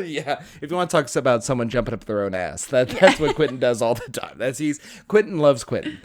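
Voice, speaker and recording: A man's voice: mid-range voice, very animated, brisk, background noise. A man co-hosting a podcast, recapping a film plot in casual chat with a wry, profane humor. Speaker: podcast co-host.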